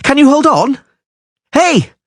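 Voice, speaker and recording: A man voicing a loud, frantic troubadour in an audiobook, yelling in a shrill voice. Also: huge pitch swings, moderate pace, husky, no echo, studio quality, exaggerated voice.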